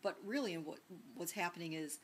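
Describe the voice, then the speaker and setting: A woman from the northern United States teaches a sociolinguistics lesson in a conversational lecture style, full of fillers like "um" and tag questions like "right?" Her lowish voice is brisk, with a little hiss or hum in the audio.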